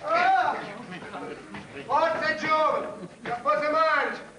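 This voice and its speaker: High-voiced Sicilian dialect countryman, echoey hall actor. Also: slow, crowd noise. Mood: rousing. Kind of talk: stage comedy acting in Sicilian dialect. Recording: echoey hall, far mic, audience noise.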